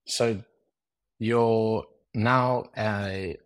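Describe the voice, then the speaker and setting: A man hosts a casual podcast interview, easygoing and informal, with the odd swear word. His voice sits very low. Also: steady tone, very slow. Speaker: podcast host.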